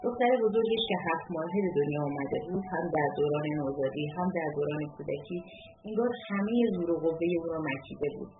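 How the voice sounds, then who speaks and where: A woman narrating a novel in an expressive storytelling style. The recording is tinny, with music behind. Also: low-pitched, roomy sound. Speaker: audiobook narrator.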